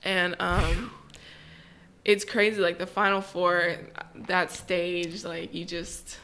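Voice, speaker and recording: A woman in her twenties talks in a calm, unhurried way as a podcast guest. Her voice is bright and clear. She leans on "like" as she thinks aloud. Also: fairly low pitch. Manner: relaxed, calm, with frequent "like" fillers. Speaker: guest, professional volleyball player. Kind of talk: casual podcast conversation.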